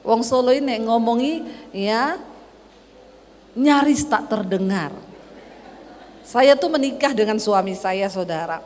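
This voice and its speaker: A woman from Sulawesi preaching a sermon as pastor, telling animated stories from her own marriage. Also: on the high side, slow pace, pauses often, a little hiss or hum. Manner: animated storytelling, acts out quarrels with her husband. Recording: long hall reverb.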